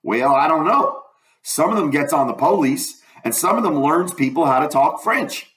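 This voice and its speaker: A man's voice: on the high side, expressive, normal speed, a bit bright, pitched above the performer's own voice. Man reading as Huck, plainspoken country boy, echoey. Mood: matter-of-fact. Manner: plain, colloquial, explaining. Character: plainspoken country boy Huck, patient, matter-of-fact explainer. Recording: roomy, echoing room.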